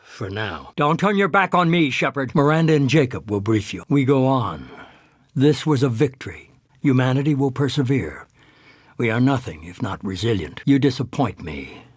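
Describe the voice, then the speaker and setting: An actor playing a shadowy middle-aged leader in a video game, cold, calculating and commanding, speaking in a measured, deliberate way. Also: male voice, mid-range voice, expressive, slightly rough, dry recording, studio quality. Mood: cool, measured. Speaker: head of a secret organisation. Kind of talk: dramatic video game voice acting.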